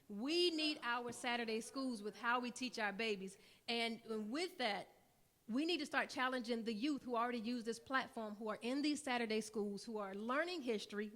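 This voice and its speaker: A woman's voice: a little high, fairly bright tone. A woman giving her remarks on a conference panel, earnest and building to rousing repeated lines before a room audience. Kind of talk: panel talk at a summit.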